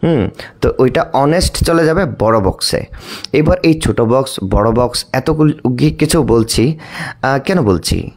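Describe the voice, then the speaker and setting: A male English teacher talks through a grammar lesson in a lively, swinging voice that rises and falls a lot. He poses questions to the class and answers them himself, dragging out example words syllable by syllable and spelling them out letter by letter. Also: mid-range voice. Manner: stretches out words, spelling and repeating them slowly; frequent fillers and restarts, asking and answering his own questions. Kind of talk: explanatory lesson.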